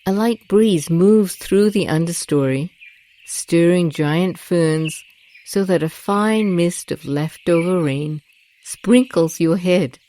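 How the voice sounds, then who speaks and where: A woman hosts a soothing guided meditation, speaking gently and deliberately in a lowish voice with long, calming pauses. Rainforest ambience surrounds her narration, filled with birdsong and crickets.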